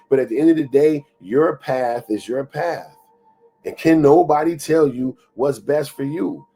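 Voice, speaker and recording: Warm in tone and medium in pitch, the host is a man in his thirties leading a motivational talk. He comes across as conversational but preachy, driving points home by repeating phrases.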